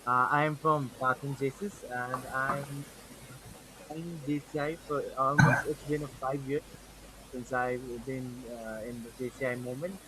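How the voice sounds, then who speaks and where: A man's voice: medium pitch, fairly even intonation, normal speed. A man from Nepal introducing himself hesitantly on a video call, with many fillers. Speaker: meeting participant. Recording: distant mic, noisy line.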